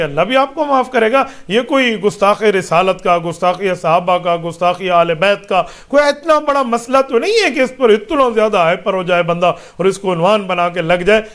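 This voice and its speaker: A man's voice: sits high, fairly bright tone. A man answering listeners' religious questions as a mufti, speaking emphatically with rhetorical questions and repeated parallel phrases.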